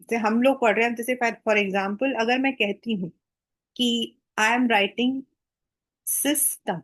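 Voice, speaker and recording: Slow, higher-pitched woman teacher. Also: rough recording. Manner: reads English textbook lines slowly, explains in Hinglish. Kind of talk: Hindi-English mixed classroom lecture.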